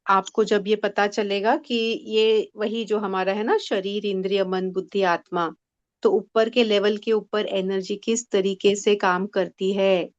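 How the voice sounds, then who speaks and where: A woman's voice: medium pitch, no echo. A woman leading a spiritual workshop session, patiently explaining in Hindi mixed with English phrases. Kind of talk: teaching a group session.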